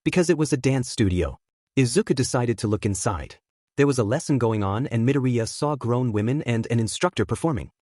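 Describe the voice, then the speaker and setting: Man with lively storytelling narration. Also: mid-range voice, brisk, dry recording, studio quality. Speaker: fanfiction reader.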